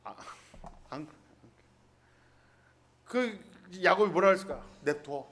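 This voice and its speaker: Speaking at a moderate pace in a high, very animated and fairly bright voice, a male pastor tells stories in a light, colloquial sermon at a Hanoi church, doing character voices for the dialogue. There is slight background noise.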